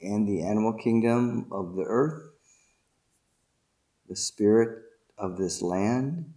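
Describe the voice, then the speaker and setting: Slow, low-voiced man guiding meditation. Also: dark tone. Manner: deliberate, ceremonial, with long phrasing breaks. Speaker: guided meditation leader. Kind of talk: slow guided meditation and spiritual invocation.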